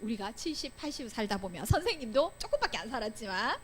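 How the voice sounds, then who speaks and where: A woman's voice: fairly high pitch, fast, slight background noise. A young woman teaching a Sunday school Bible lesson to children, telling the story with acted-out lines and frequent questions to the class. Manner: animated storytelling, acting out quoted lines, asking children questions. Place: church classroom.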